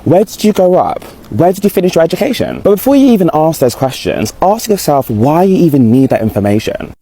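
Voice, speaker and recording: A young man calmly explaining to the camera outdoors, recorded on an earphone mic. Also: on the high side, poor audio. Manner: calm, measured, explanatory. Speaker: commentator. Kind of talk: informative talk to camera. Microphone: wired earphone mic.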